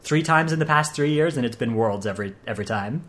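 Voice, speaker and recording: A man's voice: medium pitch, expressive, fast talker, fairly bright tone. A man hosting a podcast, chatting casually with lots of hesitations and fillers. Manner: rambling, hesitant with many fillers. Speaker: podcast host.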